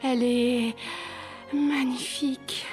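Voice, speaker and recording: A woman doing a gentle, polite floppy-eared bear. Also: high-pitched, steady tone, takes it slowly, soft background music.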